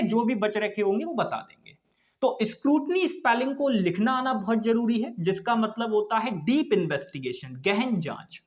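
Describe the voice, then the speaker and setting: A young man teaches an exam-prep vocabulary class, and his voice sits high for a man. He repeats each point and poses questions to his students, then answers them himself. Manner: repetitive, addresses students as brother, answers his own questions. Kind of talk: online exam-prep lesson.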